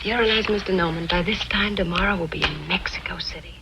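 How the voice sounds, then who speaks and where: An actress playing an affectionate young wife in a 1950s film, speaking tenderly and softly. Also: female voice, on the low side, quick pace, vocal fry. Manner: tender, softly spoken, then anxiously pressing. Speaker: investigator's wife. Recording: hissy old film soundtrack.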